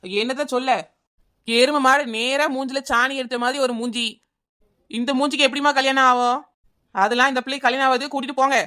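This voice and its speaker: A woman's voice: high-pitched, fairly even intonation, a little fast, pushed and bright. A woman voicing a smug, scheming male fake astrologer in a cartoon, talking in a glib, rambling, mock-solemn way with a Kanyakumari Tamil accent.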